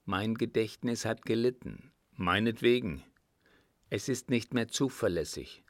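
A polite young army officer answers in calm, measured, formal tones, as a male reader gives him voice. The voice is low and gravelly. The storybook recording is dry and close. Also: no echo. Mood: earnest.

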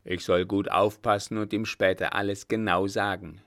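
A man voicing a naive, proud male coachman who answers loudly and earnestly with slow emphasis. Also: fairly low pitch, flat delivery.

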